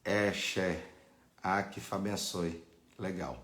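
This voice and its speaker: In a live online class, a Brazilian religious teacher speaks slowly and steadily in a low-pitched voice with a fairly bright tone. He teaches informally and didactically, frequently checking that people follow. The audio has an echoey, roomy quality.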